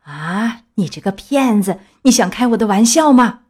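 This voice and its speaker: A woman voicing a gruff, suspicious middle-aged man who bought a donkey, speaking low and scolding. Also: animated, normal speed, a little mellow.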